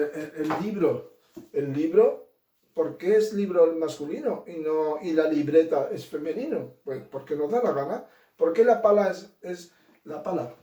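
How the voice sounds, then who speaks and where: A man's voice: fairly high pitch, warm tone, far from the mic. A man giving a grammar lesson, asking rhetorical questions and checking in with his students. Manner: explains with many examples and rhetorical questions; checks in with "¿vale?" and "¿de acuerdo?". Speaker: teacher. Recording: roomy, from away from the mic.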